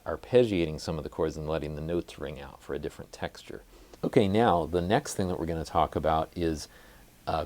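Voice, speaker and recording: Man, extremely low voice, guitar teacher, methodical, counts beats aloud, instructional lesson. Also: a little mellow. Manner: methodical, explains step by step and counts rhythms aloud.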